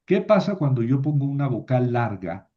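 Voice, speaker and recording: A man's voice: mid-range voice, big pitch swings, normal speed. Male teacher lecturing, lo-fi sound. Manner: patient, repeats declension forms aloud, asks rhetorical questions. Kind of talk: classroom lecture.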